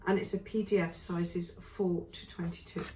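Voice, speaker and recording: Woman vlogger talking through sewing patterns, low and a bit hoarse, heard from across an echoey room. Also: little pitch movement, normal speed, dark tone, distant mic, a little hiss or hum. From England. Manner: chatty, many ums and trailing lists. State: losing her voice. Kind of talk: casual spoken review.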